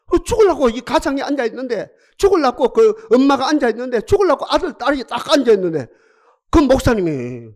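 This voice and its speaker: Very animated male preacher. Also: sits high. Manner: dramatic preaching, rhetorical questions, swings from loud to hushed. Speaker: pastor. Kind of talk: sermon. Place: church sanctuary.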